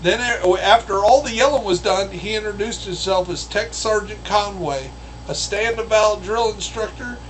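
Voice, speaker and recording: Animated, high-voiced man telling stories. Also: normal speed, a little hiss or hum, rough recording. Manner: animated, breaks into loud acted quotes, frequent restarts. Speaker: guest recalling military basic training. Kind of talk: casual anecdotal storytelling.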